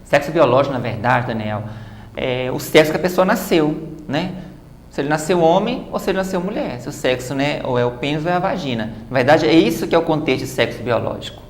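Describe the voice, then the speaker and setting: A woman's voice: sits low, lively intonation, a little fast, echoey room, a little hiss or hum. A woman guest in a TV studio interview, explaining at length and often adding "né" tags. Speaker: guest author and activist.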